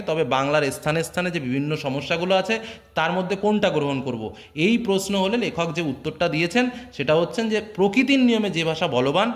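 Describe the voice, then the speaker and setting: A man with a high, light voice teaching a literature lesson. He reads quoted passages slowly and carefully, then breaks them down in plain everyday speech. He often checks that his students are following along. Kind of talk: explaining a text to students.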